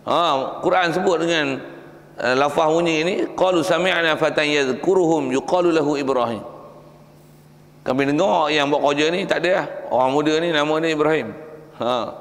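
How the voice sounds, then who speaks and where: A man with a Malaysian Malay accent giving a religious lecture, telling stories with animated acted-out dialogue and repeating points for emphasis. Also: fairly high pitch, normal speed. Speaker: Islamic preacher. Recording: echoey hall reverb.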